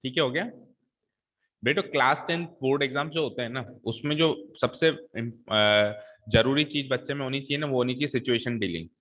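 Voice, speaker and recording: A man's voice: mid-range voice, brisk. A male maths teacher walks his students through a geometry solution one step at a time. He keeps checking that they are following him as he goes. The recording is thin and tinny, like a phone line. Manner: talks students through each step, coaxing with "ठीक है". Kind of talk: blackboard maths lesson.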